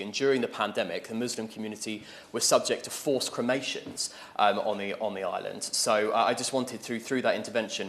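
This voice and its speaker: British mp guy, talks fast, formal and insistent debate speech, slight room noise. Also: fairly low pitch, a bit bright. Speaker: member of parliament. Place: parliamentary debating chamber.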